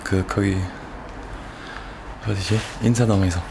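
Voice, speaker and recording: An Irish man in his twenties, a native English speaker, chatting casually in a halting way in a second language. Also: fairly low pitch, steady tone, vocal fry. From Ireland. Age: 20s. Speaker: documentary subject. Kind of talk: casual chat. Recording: ambient background noise.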